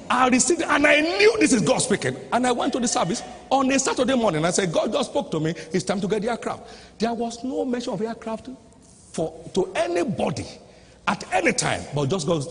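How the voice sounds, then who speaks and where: Preacher guy, high lively voice, keeps repeating and shouting, big echoey hall, faint room noise. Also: brisk. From Nigeria. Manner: emphatic, repeating lines and rising to shouts. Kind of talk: sermon. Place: large convention hall. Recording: reverberant live hall recording.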